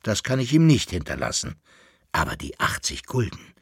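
A man's voice: sits low, wildly swooping pitch, normal speed, breathy edge, no echo, studio quality, heavily acted. A man voicing a weak, dying old man giving his last instructions in a storybook reading. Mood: weary.

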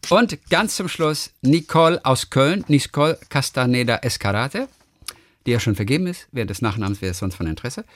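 A man hosts a relaxed podcast and reads listener mail aloud, stumbling and restarting as he goes. His voice swings widely up and down as he tells the stories. The recording is close and dry, with no room sound. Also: mid-range voice, fairly quick, no room sound. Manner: lively, animated storytelling with many restarts. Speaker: podcast host. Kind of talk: reading listener mail in casual chat.

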